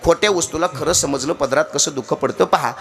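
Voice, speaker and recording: A man preaching a devotional kirtan sermon, telling a comic story, chanting and acting out the characters in lively fashion. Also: a little high, brisk, creaky.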